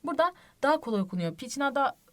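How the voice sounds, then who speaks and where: A woman teaching a language lesson online, patient and reassuring, repeating each example word slowly and often checking in with her students. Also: sits high, expressive. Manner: asks the class frequent tag questions. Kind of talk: online lesson explaining reading rules.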